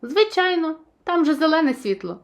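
Жінка озвучує добродушного тата-тиранозавра з казки, говорить лагідно й по-батьківськи. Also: female voice, sits high, big pitch swings, normal speed, pitched above the performer's own voice. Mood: good-natured. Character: kindly father tyrannosaurus.

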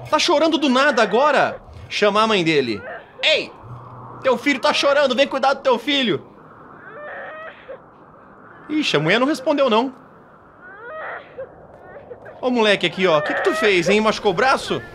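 A Brazilian man giving excitable, slangy let's play commentary as a gaming youtuber. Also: very high voice, moderate pace, long pauses, slight background noise. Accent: Brazilian Portuguese.

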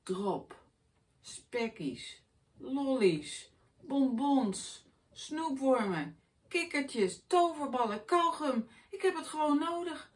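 A woman voicing a grumpy, greedy male schoolteacher who hates children, boastful and scornful, in a high, loud voice. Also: animated, slow pace.

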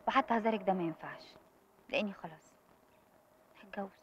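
A woman's voice: medium pitch, fast, a little hiss or hum, close to an everyday voice. An actress with an Egyptian accent playing a young bride torn between duty to her father and the man she loves, speaking earnestly and pleading. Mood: upset. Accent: Egyptian Arabic. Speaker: bride in a film. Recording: slightly muffled film soundtrack.

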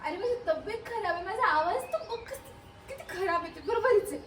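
A woman's voice: very high-pitched, lively intonation, brisk. A woman playing a pleading city girlfriend. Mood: exasperated. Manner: pleading, exasperated. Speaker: comedy skit actress. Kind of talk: improvised comedy skit. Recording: echoey distant mic with background noise.

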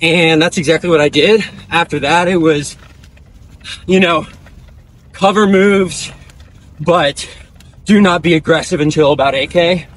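A man in his twenties chatting casually in breathy short phrases as he runs outdoors while being interviewed. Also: a little high, measured pace, pauses often, a little hiss or hum. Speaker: professional distance runner being interviewed. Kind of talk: casual chat while running. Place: outdoors on a dirt country road, on the move.

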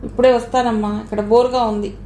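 A crude, mocking young husband who talks scornfully, as a woman reader voices him. The voice sits fairly high, with a mellow tone, in a roomy space with a faint hiss. It comes from a storybook reading. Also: level tone, quick pace, lightly acted. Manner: scornful, offhand. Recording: echoey room, faint background noise.

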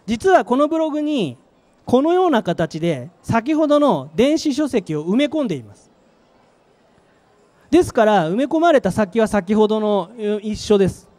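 With a high, slightly mellow voice and big pitch swings, a middle-aged man speaks at a moderate pace. He's a company manager giving a live product presentation with slides on an exhibition stage, firing short, emphatic phrases into a handheld mic.

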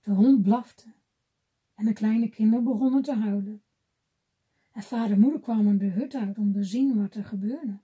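A woman reading a children's fairy tale aloud gently, often dropping to a whisper. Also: medium pitch, moderate pace, breathy edge, muffled recording. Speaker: storybook reader.

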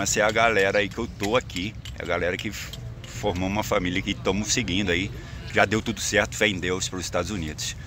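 A man's voice: on the low side, bright, forceful tone. Brazilian man vlogging by the railway. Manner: chatty, upbeat, repeats phrases, addresses viewers directly. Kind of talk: casual travel vlog to camera. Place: outdoors by a rail yard in open sun. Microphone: phone held at arm's length. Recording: noisy outdoor phone recording. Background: outdoor ambience and vehicles.

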